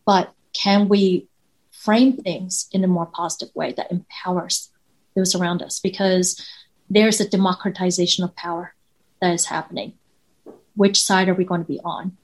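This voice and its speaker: Speaking at a normal pace in a fairly low, fairly even voice, a Taiwanese-accented woman professor answers interview questions as a guest. She is earnest and reflective, using rhetorical questions to develop her points, though the recording is low quality.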